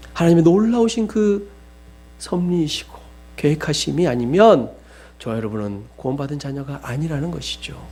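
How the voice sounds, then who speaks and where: A young adult man preaching a sermon, swinging from loud pleading questions to hushed, almost whispered lines. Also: a little high, slight background noise.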